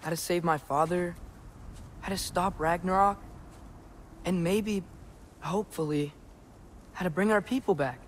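An actor voicing an earnest, determined teenage boy hero in a video game cutscene, speaking slowly and carefully. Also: sits high, a little hiss or hum.

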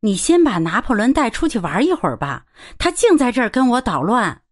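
A woman reads as a busy widow landlady in a storybook, her voice pitched up thin and eager, rising and falling quickly. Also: big pitch swings. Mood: flustered polite. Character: bustling widowed landlady, shrill voice.

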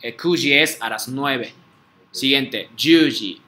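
Leading call-and-repeat drills in an online language class, a man patiently repeats words for his students to echo and often checks in with "¿sí?" to make sure they follow. His mid-range voice comes across pushed and bright, he speaks slowly, and there's a little background noise.

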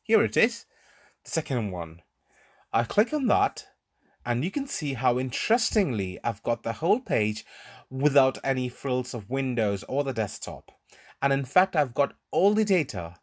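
A man's voice: mid-range voice, big pitch swings, normal speed. A man narrating a screen recording tutorial, explaining step by step in an informal way. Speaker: tutorial presenter. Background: voice-over on a screen recording.

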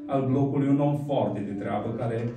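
Man telling a story in a roomy hall. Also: mid-range voice. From Romania, Cluj. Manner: animated, acts out childhood dialogue. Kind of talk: personal testimony storytelling. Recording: roomy, distant mic with soft guitar music.

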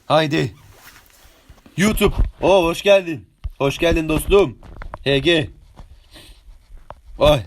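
Young male streamer, 18, high-pitched, excitable, chatty play-by-play with hummed sound effects. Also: takes it slowly, long pauses. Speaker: game streamer. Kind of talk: live gameplay commentary.

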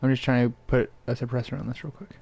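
A man chatting casually through a shooter game with a friend, easygoing and quick to joke. His voice sits at a middle pitch and keeps a relaxed, teasing back-and-forth. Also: creaky, slightly rough. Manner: joking, easygoing banter. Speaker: gamer. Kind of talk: casual gameplay chat.

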